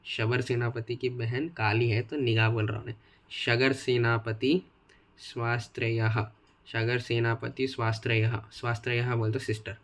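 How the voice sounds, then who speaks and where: A man's voice: medium pitch, little pitch movement, unhurried. A young man with a Hyderabadi Dakhini Hindi accent, casually teaching exam tricks and repeating key phrases over and over like chants. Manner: chatty, self-mocking. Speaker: tutor. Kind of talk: casual exam-tips lesson.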